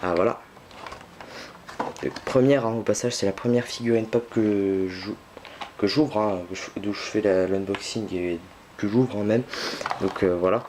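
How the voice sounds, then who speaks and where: Young male vlogger, lowish voice, casual and halting, home camera recording with faint noise. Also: fairly even intonation. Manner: hesitant, many fillers and restarts. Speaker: unboxing vlogger. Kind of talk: casual unboxing commentary.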